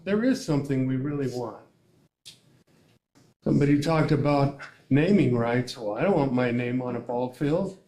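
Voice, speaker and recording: An older man with a somewhat high voice gives an emotional public comment, near tears and rambling through many halting pauses. His voice rings out in an echoey meeting room. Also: a little mellow. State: tearful. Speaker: parent addressing school board.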